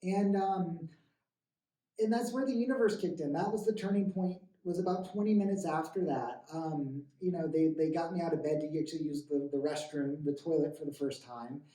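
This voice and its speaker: A man in his thirties telling his recovery story in an earnest, halting way, often stammering and restarting. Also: a little high, mellow. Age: 30s. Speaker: guest sharing a recovery story. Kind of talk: emotional personal testimony. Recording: roomy, distant mic.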